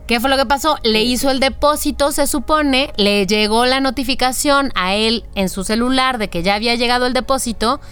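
Woman, Mexican accent, high voice, smooth tone, playful slangy co-host. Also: fairly quick, hardly any pauses, a bit bright. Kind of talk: casual chat.

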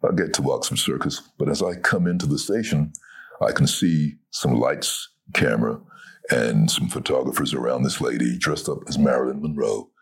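Very deep gravelly man telling stories. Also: moderate pace. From Barbados. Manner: animated, acts out the voices of people in his story. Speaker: guest, voice actor. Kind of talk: storytelling in conversation.

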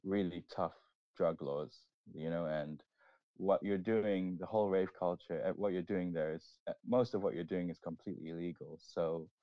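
Deep-voiced man, halting and restarting. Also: fairly even intonation, no echo, dull audio. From Singapore. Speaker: DJ and guest. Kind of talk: casual podcast chat.

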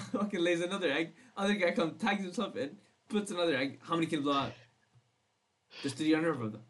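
A young man with a slightly high voice chats casually on a podcast. He is playful and teasing, and he swears freely. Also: brisk, fairly bright tone. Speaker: podcast co-host. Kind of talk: casual chat.

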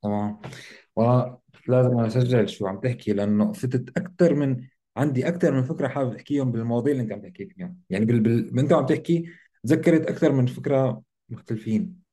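A man's voice: mid-range voice, very fast, mellow. A man with a Levantine Arabic accent explains ideas in casual discussion as a co-host, often checking in with short tag questions.

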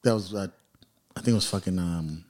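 Man, podcast host, fast talker, casual storytelling, swears often. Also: a little mellow. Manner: fast, swearing, acts out quotes in a higher voice.

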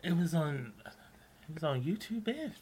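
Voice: medium pitch, moderate pace, slightly rough. A podcast guest chatting casually, telling anecdotes with lots of giggling. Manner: giggly, animated storyteller. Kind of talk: casual chat.

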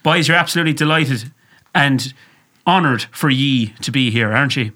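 A man's voice: medium pitch, moderate pace, pushed and bright. A man with a west of Ireland accent hosting a casual podcast interview, jovial and fond of sweary banter. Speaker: podcast host.

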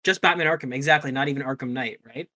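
This is a man co-hosting a gaming podcast in relaxed, conversational talk. His voice is bright and forward. He swears casually and keeps breaking off mid-thought to start again. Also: medium pitch, fast. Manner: loose, swears casually, trails off and restarts. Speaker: podcast co-host. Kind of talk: casual gaming news chat.

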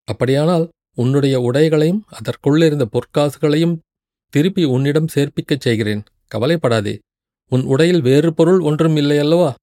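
A man voicing a stern middle-aged male fort commander who is quick-tempered yet coaxing, speaking with a commanding tone in a storybook reading. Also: on the high side, no room sound, studio quality, lightly acted. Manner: commanding, alternating between scolding and calm.

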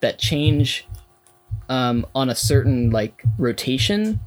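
A young man in a casual class discussion, talking haltingly with many fillers and restarts. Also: mid-range voice, expressive, rough recording.

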